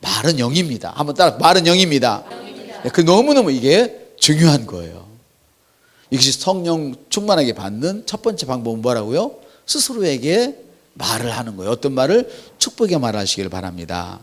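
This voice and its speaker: Animated Korean pastor preaching, man. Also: mid-range voice, brisk. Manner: animated preaching with acted quotes. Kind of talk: sermon.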